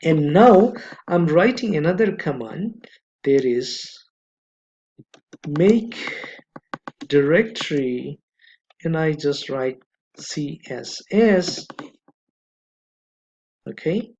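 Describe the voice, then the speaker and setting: Guy doing a slow screen-share coding lesson, keeps saying okay, kinda muffled mic. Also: a little high, lively intonation, darkish tone, a little hiss or hum. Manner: slow, deliberate, repeats okay often. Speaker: coding instructor. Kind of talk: screen-recorded coding tutorial. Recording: slightly dull lo-fi mic.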